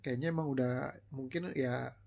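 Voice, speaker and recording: Chatty male life coach, mid-pitched. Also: moderate pace, creaky. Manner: conversational, storytelling, mixes slang and English words; animated, voices quoted people with rising pitch. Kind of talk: casual motivational talk, live stream.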